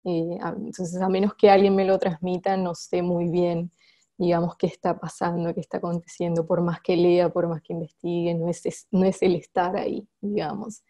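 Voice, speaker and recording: A woman answers reflectively in an interview as a poet, haltingly, often repeating words as she searches for the next one. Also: fairly low pitch, flat delivery, mellow. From Colombian Caribbean coast.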